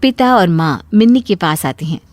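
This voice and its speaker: A woman narrating a cartoon story in a plain, even storytelling manner. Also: fairly low pitch, moderate pace, no room sound.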